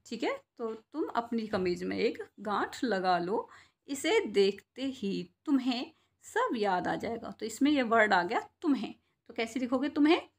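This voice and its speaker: Higher-voiced woman teaching a kids' lesson. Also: very animated. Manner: slow, drawn-out syllables when sounding out words; asks and answers her own questions, checks "clear?". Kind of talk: Hindi reading and spelling lesson for children.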